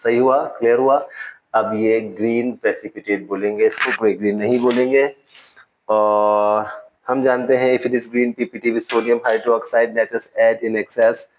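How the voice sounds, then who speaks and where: Slow, deliberate male chemistry teacher. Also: mid-range voice, flat delivery, a little hiss or hum, poor audio. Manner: explains in a mix of Hindi and English, addressing students; slow and deliberate, reading steps aloud. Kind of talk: lab demonstration lesson.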